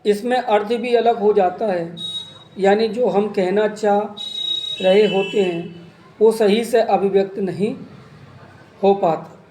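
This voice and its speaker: High-voiced man teaching slowly. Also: steady tone, warm tone, slight background noise. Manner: slow, listing terms and examples one by one. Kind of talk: exam-prep grammar lesson. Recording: echoey room with faint ambience.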